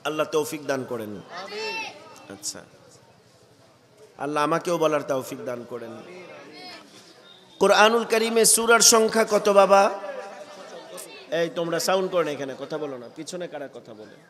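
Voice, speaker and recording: A man preaching a sermon at a religious gathering while he has a cold, quizzing the crowd and building to loud emphatic peaks. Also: fairly high pitch, animated, normal speed, long pauses, long reverb tail.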